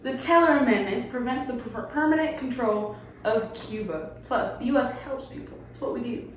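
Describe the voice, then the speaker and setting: A woman's voice: a little high, normal speed, slight background noise, natural voice. Young woman doing a drawling patriotic pundit. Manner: drawling folksy talk that escalates to yelling. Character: brash flag-waving American pundit guest, hot-tempered. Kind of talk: amateur school-project skit. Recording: echoey room from far off.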